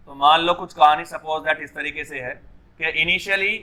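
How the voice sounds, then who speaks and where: A man's voice: a little high, steady tone, a little slow, pushed and bright. A man teaching an engineering exam class, lecturing and checking in with his students through rhetorical questions.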